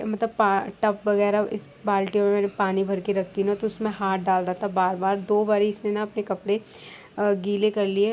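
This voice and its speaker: A young Indian vlogger from India, with a mellow, mid-range voice, gives casual voice-over narration explaining her household chores step by step. Slight background noise can be heard.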